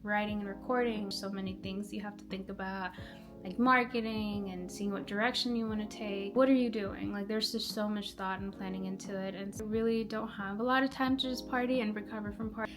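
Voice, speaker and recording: A woman's voice: medium pitch, steady tone, a little fast. A young woman from Nepal, a musician, talking casually about her music with lots of filler words. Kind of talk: casual self-introduction. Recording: music playing behind.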